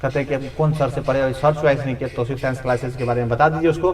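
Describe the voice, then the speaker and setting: A man's voice: mid-range voice, fairly even intonation, rapid-fire, a little hiss or hum. A male teacher with a Bihari Hindi accent lectures at a board in a classroom, drilling students with repeated questions and answering them himself. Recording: roomy echo from a distant mic.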